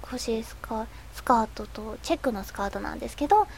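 A woman's voice: on the high side, brisk, in a whisper, natural voice. Woman playing a stuffy-nosed shy teen schoolgirl. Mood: shy chatter. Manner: soft, hesitant, giggly, trailing off. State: stuffy nose from a cold. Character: shy teenage schoolgirl, fifteen. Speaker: radio host. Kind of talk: live radio chat reading listener comments.

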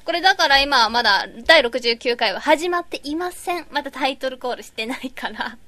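A woman on a live stream, chatting casually while she fusses over her audio setup and reads chat comments into a boom mic. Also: lively intonation, a little fast, pushed and bright, no echo.

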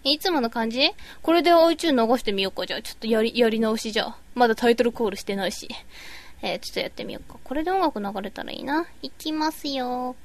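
High-pitched chatty woman streaming, lilt, bouncy voice, talking thru her mic setup. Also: animated, fast. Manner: chatty, fussing over audio setup, reading chat comments. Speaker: live streamer. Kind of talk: casual live-stream chat. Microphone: boom mic.

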